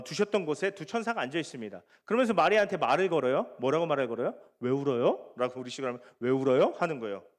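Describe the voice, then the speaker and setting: A male pastor preaching a sermon to a young congregation, asking them questions and acting out the scripture scenes. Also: on the high side. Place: church sanctuary. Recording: long hall reverb.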